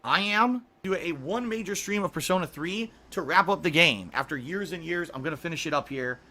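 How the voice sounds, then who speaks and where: A middle-aged man chatting casually on a livestream, reading viewer messages, rambling with frequent restarts and throat clearing. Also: on the high side, lively intonation, a little fast, bright, forceful tone. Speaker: streamer.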